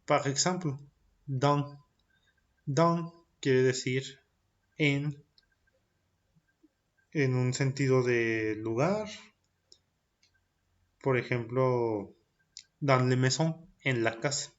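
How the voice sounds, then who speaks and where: Heard in lo-fi sound, a mid-range male voice delivers a recorded French lesson aimed at young children. His pace is slow and measured as he says each point in French, follows with Spanish, and rehearses the pronunciation with care.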